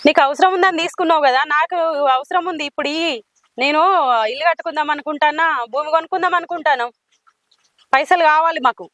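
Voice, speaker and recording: A woman's voice: high-pitched, quick pace, long pauses, fairly bright tone, dry recording. A woman playing a village moneylender who demands her money back. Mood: demanding. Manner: demanding, threatening. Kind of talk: village drama acting.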